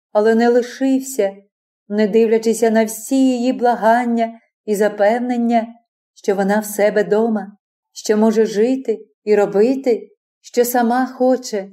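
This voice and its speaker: Woman reading a novel in a mellow voice. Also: on the high side. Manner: measured, expressive reading. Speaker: audiobook reader. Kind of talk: literary audiobook narration.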